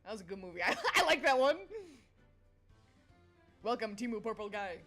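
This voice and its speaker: This streamer, a young adult woman, has an expressive mid-range voice that's a bit bright, delivered at normal speed. Faint music sits behind her casual livestream chat as she giggles and drifts scatterbrained from one topic to another.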